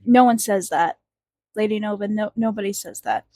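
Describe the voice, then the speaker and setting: A woman's voice: medium pitch, normal speed, mellow, dry recording. A woman co-hosting a podcast in casual chat, chatty and giggly, with many fillers. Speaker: podcast co-host.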